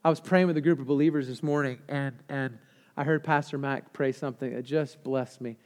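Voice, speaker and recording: A man's voice: mid-range voice, fairly even intonation, brisk, long reverb tail. A man in his thirties preaching a sermon with passion, throwing questions out to the congregation. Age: 30s.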